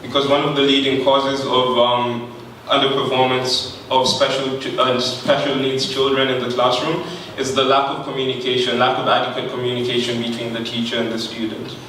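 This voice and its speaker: A young adult Kenyan student, not a native English speaker, delivers a prepared pitch for an innovation at a podium in a large, very echoey hall, captured by a podium mic from far away. His medium-pitched voice is bright and ringing but flat in delivery, and he holds an earnest, measured pace with a few "um"s. There's a little hiss or hum in the recording.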